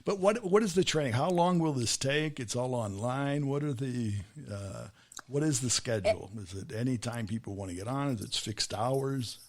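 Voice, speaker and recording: Speaking at medium pitch and normal speed, the middle-aged American podcast host chats loosely with his guest, his questions wandering and restarting as he goes.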